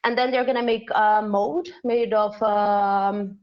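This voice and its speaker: A Brazilian woman whose native language is Portuguese joins a live stream by call to give a casual explanation. Her voice is medium-pitched and fairly even, and she speaks slowly, searching for words with many fillers, in lo-fi sound.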